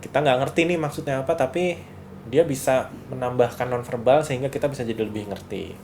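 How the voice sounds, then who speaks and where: A man's voice: mid-range voice, fairly quick, a little hiss or hum. Chatty male lecturer, style speech. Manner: relaxed, chatty, acts out small examples. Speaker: university lecturer. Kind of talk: casual lecture to students.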